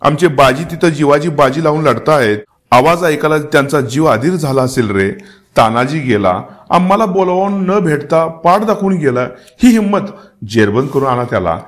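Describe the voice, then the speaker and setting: Man reading as a dying elderly king, weary yet commanding, higher and louder than his narration, emotional storybook reading. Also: animated, moderate pace, lightly acted. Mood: delirious. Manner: emotional, rising to pleading and commanding outbursts. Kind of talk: dramatic reading of a historical novel.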